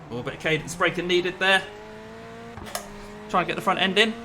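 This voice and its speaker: A man with a fairly high voice gives casual, chatty commentary as he races. He thinks aloud about his driving and strategy. Car engine noise is clear behind him. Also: fairly quick. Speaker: sim racing driver and commentator. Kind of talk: casual running commentary while racing. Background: racing car engine.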